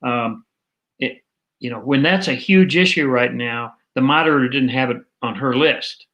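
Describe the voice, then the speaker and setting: A man's voice: medium pitch, normal speed, a bit bright, poor audio. A man hosting casual political commentary, rambling and digressive with many fillers.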